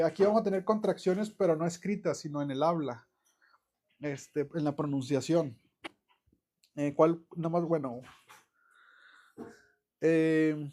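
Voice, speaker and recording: A man giving a casual online English grammar lesson, chatty and relaxed, with many fillers and self-corrections. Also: fairly high pitch. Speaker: English teacher.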